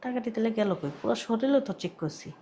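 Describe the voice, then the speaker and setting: A woman's voice: animated, fast talker, warm tone, a little hiss or hum. An actress playing a puzzled mother-in-law muttering to herself. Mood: baffled. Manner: muttering, low, baffled.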